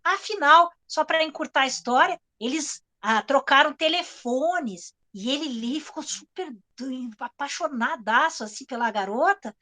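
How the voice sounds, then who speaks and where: A woman's voice: sits high, expressive, unhurried, few pauses, bright, forceful tone. A woman writer with a Brazilian accent telling anecdotes to an audience in a chatty way, often checking in with tag questions. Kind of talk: storytelling talk to an audience.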